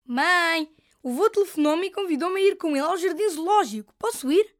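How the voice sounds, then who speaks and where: Eager young boy voiced by a woman, European Portuguese accent, scripted test dialogue, very high. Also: expressive, brisk, no echo, studio quality.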